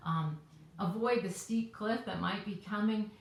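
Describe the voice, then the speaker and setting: A woman's voice: mid-range voice, unhurried, gravelly. A woman hosting a weekly devotional video, telling a story in a casual, chatty way with frequent "right?" asides. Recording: very echoey room.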